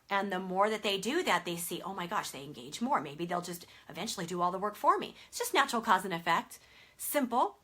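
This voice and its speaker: A woman's voice: mid-range voice, bright, forceful tone. A woman sleep consultant explaining a method to parents in a conversational way, with many fillers and emphatic stresses.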